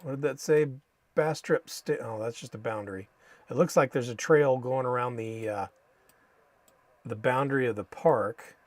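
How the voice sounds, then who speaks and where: Male stream host, American, dry close sound, casual halting map commentary, Spanish words in an American accent. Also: mid-range voice, dry recording. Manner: halting, thinking aloud. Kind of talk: casual live stream commentary while reading maps.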